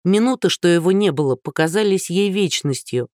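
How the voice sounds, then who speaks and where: A man narrating an audiobook in an even, measured storytelling manner. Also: sits high, no room sound, studio quality. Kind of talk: scripted narration.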